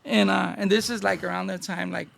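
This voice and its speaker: A man with a Los Angeles Chicano accent spins slangy street stories in a loose interview. His voice sits high and carries a heavy gravelly fry, and he slips into the voices of the people he quotes. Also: flat delivery, brisk, fairly bright tone. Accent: Los Angeles Chicano English. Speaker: guest. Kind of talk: casual storytelling interview.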